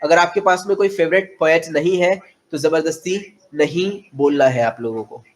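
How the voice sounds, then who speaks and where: A young man with an Indian accent and a fairly high voice teaches spoken English in an online class. He explains in Hindi, then drops into slow, carefully spaced English sentences for students to copy. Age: 20s.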